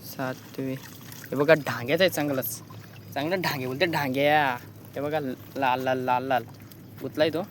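A man's voice: mid-range voice, fairly even intonation, normal speed, slight background noise. A man vlogging casually outdoors while checking crab nets by the water, chatting to viewers and pointing things out as he films on a phone.

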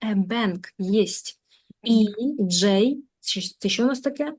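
A Ukrainian woman teaching a beginner English class online, in a lively, coaxing manner, repeating words to drill pronunciation. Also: mid-range voice, slow. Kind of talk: live online lesson.

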